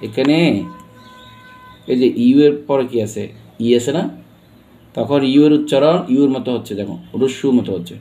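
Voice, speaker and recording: A man's voice: mid-range voice, normal speed, pauses often, warm tone. A man with a Bangladeshi accent teaching a pronunciation lesson. He spells words out letter by letter and keeps asking his students questions. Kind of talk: classroom lesson.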